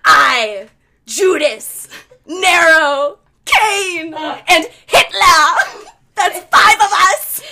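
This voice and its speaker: A woman voicing a possessed young woman with demon voices, shrill and strained, wailing and shouting. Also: drawn-out words, gravelly, heavily acted. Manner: wailing, shouting, half-laughing.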